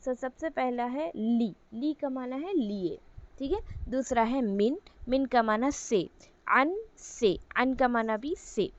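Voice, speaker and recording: A woman teaching Arabic grammar in an online Quran lesson, explaining step by step, asking and answering her own questions, and reciting Arabic phrases slowly. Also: fairly high pitch, dull audio. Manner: repeats "ठीक है" as a check-in.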